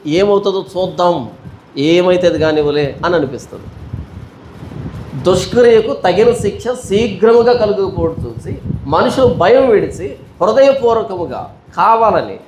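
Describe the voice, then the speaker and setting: A male pastor with a high voice teaches a Bible study sermon. He tells homely stories and throws out rhetorical questions, often asking the same one twice. Faint background noise sits under the recording. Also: darkish tone. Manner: rhetorical, repeats his questions; colloquial storytelling examples.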